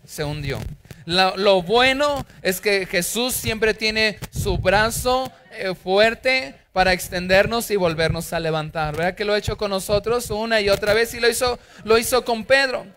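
A man's voice: sits high, measured pace, a bit bright, a little hiss or hum. A middle-aged man with a Mexican Spanish accent, preaching a sermon through humorous anecdotes and acting out characters. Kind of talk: storytelling sermon.

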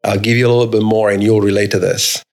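A gravelly, somewhat low-voiced man in his fifties who grew up in Romania. He speaks as a podcast guest, telling his story in short, emphatic phrases. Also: flat delivery, quick pace. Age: 50s. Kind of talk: casual conversation.

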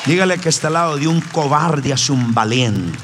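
A man preaching a sermon as pastor, telling stories emphatically with his voice swinging high and low. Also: lively intonation, moderate pace, a crowd in the background, noisy background. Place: church hall. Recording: roomy hall reverb with faint ambience.

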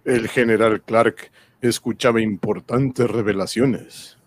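Low-voiced old radio serial announcer. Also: male voice, steady tone, slow pace. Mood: dramatic, grave. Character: dramatic male narrator of an adventure serial.

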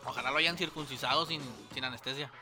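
A man's voice: medium pitch, fairly even intonation, fast talker, bright, forceful tone, soft background music. A man with a northern Mexican accent in casual, slangy, profane banter as a show co-host. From Puerto Peñasco, northern Mexico. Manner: slangy, profane, street-talk phrasing.

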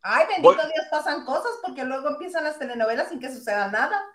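A woman co-hosting a casual gossip chat, expressive and reading out donations. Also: high voice, quick pace.

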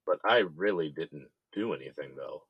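A man's voice: rumbling low, lively intonation, moderate pace, breathy edge, dry recording, lo-fi sound, full character voice. An actor playing a wary male inmate who talks in a curt, guarded way. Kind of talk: audio drama acting.

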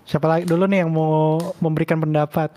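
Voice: medium pitch, level tone, fast talker, warm tone, slight background noise. A young host in their twenties runs a casual group conversation. They speak in an upbeat way and keep prompting others for their turn. It is an online voice call. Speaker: discussion host. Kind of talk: casual moderated chat.

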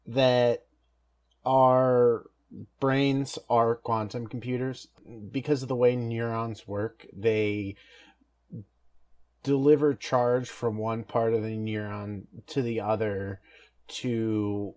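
A man co-hosting a podcast, giving his closing thoughts in a halting, thoughtful way with restarts and dry sarcasm. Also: medium pitch, darkish tone. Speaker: podcast co-host.

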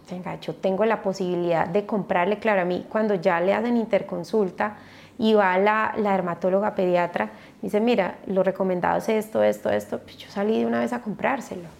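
A woman, a podcast guest and mother, telling her personal story in a halting way with many restarts. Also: mid-range voice, creaky, darkish tone.

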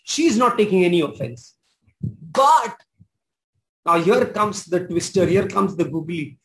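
High-voiced preacher, emphatic. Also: male voice, lively intonation, a little slow, fairly bright tone, low-quality recording. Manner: emphatic, repeats key phrases, exclaims. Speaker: pastor. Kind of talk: sermon.

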